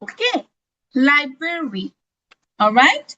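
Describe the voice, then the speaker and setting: A woman's voice: sits high, very animated, takes it slowly, sharp tone, lo-fi sound. A woman with a Bangladeshi accent teaching children phonics, carefully enunciating each word and explaining in Bengali. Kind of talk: slow, deliberate phonics lesson for children.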